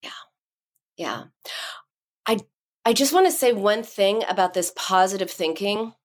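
A middle-aged woman, an author and podcast guest, telling a story about her daughter and acting out its lines in high voices. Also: lively intonation, a little slow. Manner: acts out quotes in high voices. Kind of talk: podcast interview.

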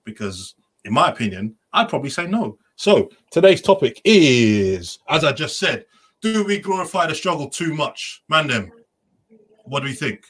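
A man's voice: fairly high pitch, sing-song, moderate pace, fairly bright tone, husky. A man with a London roadman accent and slangy street talk, hosting a casual group chat. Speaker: podcast host.

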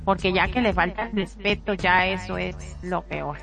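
A woman's voice: on the low side, normal speed, vocal fry. A woman hosting a talk show, giving relationship advice in an earnest, casual way and piling up points in long, repetitive runs. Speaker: radio talk show host. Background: background music.

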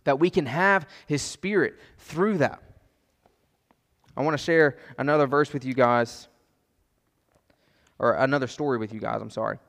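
Male pastor, earnest gentle sermon delivery, mid pitch, reverberant church hall. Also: normal speed, gravelly, long pauses. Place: church sanctuary.

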